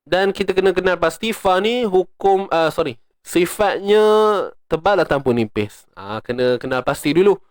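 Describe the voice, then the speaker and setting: A man's voice: high voice, animated, normal speed, no room sound, studio quality. A man with a Malaysian Malay accent teaching Quran recitation rules, explaining step by step and chanting verses in a raised voice. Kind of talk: tajwid lesson with recitation.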